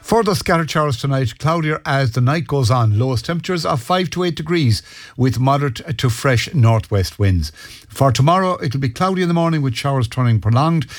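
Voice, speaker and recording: A man with an Irish accent presenting a scripted radio weather forecast. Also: mid-range voice.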